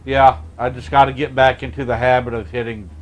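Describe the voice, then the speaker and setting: A man's voice: medium pitch, brisk, a little hiss or hum. Brief: young adult man, easygoing let's-play co-host, talky and reactive. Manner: relaxed, chatty, reacts aloud to the game. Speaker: gameplay commentator. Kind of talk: casual gameplay commentary.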